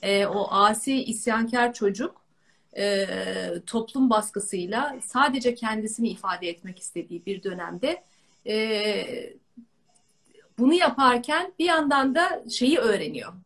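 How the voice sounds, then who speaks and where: Higher-voiced woman moderating thoughtfully. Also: expressive, unhurried, fairly bright tone. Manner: thoughtful, questioning, hesitant fillers. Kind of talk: interview talk.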